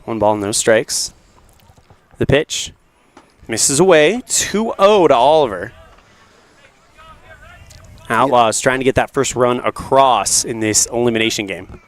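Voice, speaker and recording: A man doing radio play-by-play for a baseball game, calling each pitch steadily and building up loudly on big hits, from a spot outdoors by a tent. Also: slow, long pauses. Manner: calls pitches steadily, rising to excited bursts on big hits. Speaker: play-by-play announcer. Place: outdoors beside a tent at a ballpark.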